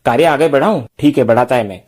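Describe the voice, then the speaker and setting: A man's voice: mid-range voice, fast talker, darkish tone, lightly acted. A man reading the lines of a young man who fakes a holy trance, in a colloquial, self-assured ramble. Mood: scheming.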